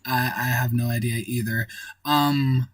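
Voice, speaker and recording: A man's voice: mid-range voice, fairly even intonation, unhurried, no echo, far from the mic. A man hosting a livestream in casual chat, rambling and thinking aloud as he reads the chat. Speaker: livestream host.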